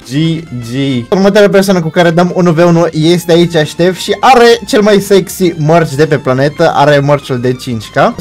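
A young man giving excited commentary over his own gameplay, shouting and laughing as fights swing and mixing in English slang. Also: on the high side. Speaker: gaming YouTuber.

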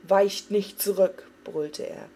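Commanding young prince, urgent and forceful, low gravelly voice, read by a woman. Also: moderate pace, slight background noise, close to an everyday voice. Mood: defiant.

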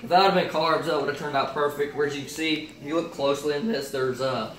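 This fitness cooking vlogger is a young man with a slightly high voice, fairly even intonation, and a fast pace. He's doing a casual cooking demo indoors at home, musing through his meal prep with lots of fillers. The echoey kitchen and distant stand-mounted camera mic make the audio noisy.

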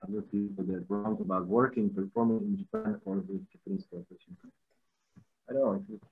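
Gravelly with a breathy edge, this middle-aged Czech-accented man's lowish voice moves at a moderate pace over soft background music. He is a musician appearing earnestly as a webinar guest, often repeating words. The sound comes through a laptop mic as dull lo-fi call audio.

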